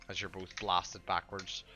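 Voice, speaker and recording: A man's voice: low-pitched, pushed and bright. A man narrating a tabletop game as game master, improvising with hesitant, chatty asides.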